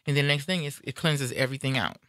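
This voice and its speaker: A woman's voice: rumbling low, fast talker, fairly bright tone, dry recording, clean studio sound. A woman around fifty, the host, chatting casually and animatedly, laughing as she tells stories. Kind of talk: casual chat.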